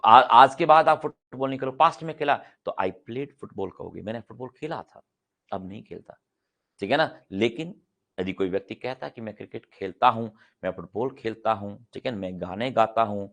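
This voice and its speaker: Creaky-voiced male grammar teacher. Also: on the low side, normal speed, a bit bright. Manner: explains by asking questions and answering them himself; repeats example sentences several times for practice. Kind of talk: classroom-style lecture.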